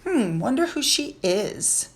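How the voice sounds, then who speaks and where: A woman's voice: on the high side, sing-song, slow pace. A woman talking casually over photos in a chatty, gossipy commentary with sighing asides. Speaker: royal news vlogger.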